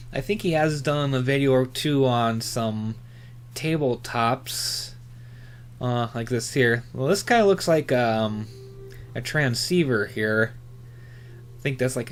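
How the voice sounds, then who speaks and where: A man hosts a hobbyist channel, offering casual, unscripted commentary that rambles as he haltingly corrects himself. His voice is medium-pitched, with a little hiss or hum in the recording.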